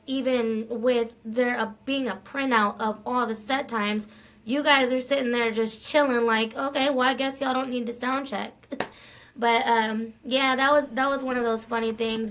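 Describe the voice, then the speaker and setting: A woman's voice: a little high, a bit bright. Blunt, salty-mouthed woman promoter. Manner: blunt, swearing, tells stories with quoted dialogue. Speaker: festival promoter guest. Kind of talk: casual interview chat.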